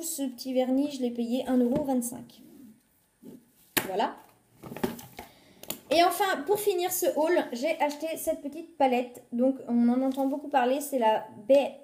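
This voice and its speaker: A woman's voice: high-pitched, dark tone, reverberant. A woman chatting casually through a shopping haul video filmed on a phone at home, with many fillers as she lists prices. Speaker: vlogger showing a shopping haul.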